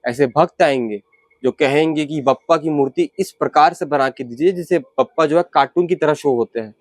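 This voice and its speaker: A man's voice: fairly high pitch, normal speed, no echo. A male local reporter interviewing an idol maker in his workshop. He prompts the maker with questions and sums up the answers for viewers. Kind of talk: field interview.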